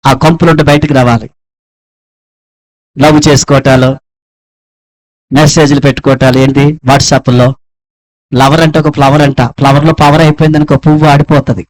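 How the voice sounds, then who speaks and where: A man's voice: on the high side, flat delivery, moderate pace, pauses often, low-quality recording. A man from India preaching a sermon, asking rhetorical questions and calling for praise in fervent, rising exhortations. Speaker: pastor.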